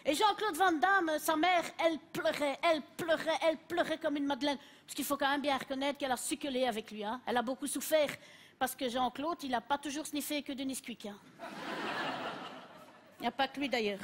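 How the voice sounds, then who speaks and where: A woman's voice: sits high, a little fast, background noise, lightly acted. A woman playing a chatty, self-assured Belgian cleaning lady with a Belgian accent, rambling in a stand-up sketch on a TV stage. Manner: rambling, confidently wrong. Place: TV studio stage.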